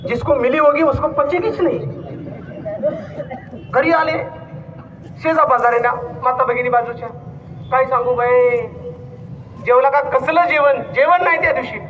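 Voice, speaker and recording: A man's voice: very high-pitched, moderate pace, pauses often, a bit bright, some chatter behind. A man giving a sermon at a devotional gathering, telling humorous anecdotes and repeating phrases for comic effect, impassioned and exhorting. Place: gathering hall with a stage. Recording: distant muffled hall recording, faint noise.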